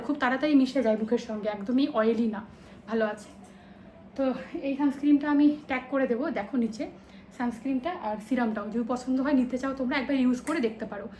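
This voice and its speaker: Young female vlogger, high voice, rapid chatty rambling, home setting. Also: darkish tone, slight background noise, low-quality recording. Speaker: vlogger and mother. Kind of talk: casual home vlog chat. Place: at home, indoors.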